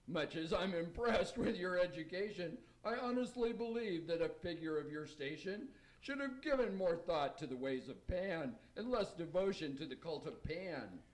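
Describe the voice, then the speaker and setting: Man playing a high-voiced, genial Santa Claus. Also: expressive, moderate pace, low-quality recording. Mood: calmly reproving. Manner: polite, gently reproving rhymed speech. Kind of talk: verse radio play acting.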